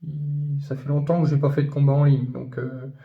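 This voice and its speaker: A man chatting casually about his new purchases, rambling with many fillers and restarts, and gushing when excited. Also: mid-range voice, normal speed, gravelly, reverberant, phone-quality sound. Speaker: YouTuber showing his purchases. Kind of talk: casual unboxing chat.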